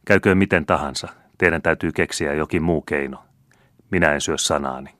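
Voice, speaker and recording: A man's voice: extremely low pitch, a bit bright, no echo. A man reading aloud plays a proud, resolute young count. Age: young adult.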